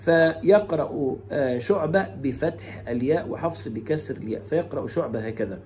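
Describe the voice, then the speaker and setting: Mellow-voiced man teaching Quran recitation. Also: fairly high pitch, animated, slight background noise. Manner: alternates brisk explanation with slow melodic chanting of verses. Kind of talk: lesson on variant Quran readings.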